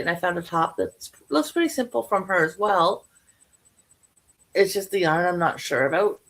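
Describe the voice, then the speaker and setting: A woman's voice: medium pitch, a bit bright. A middle-aged woman talking casually to her viewers about her crochet projects, rambling and correcting herself as she goes. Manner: rambling, chatty, self-correcting. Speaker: crochet vlogger.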